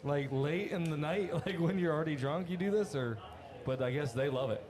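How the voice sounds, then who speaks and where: A man chatting as a podcast guest, telling stories in an animated way and laughing often. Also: a little high, fairly quick. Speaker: guest from a cigar company. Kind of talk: casual podcast chat. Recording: crowd chatter in background.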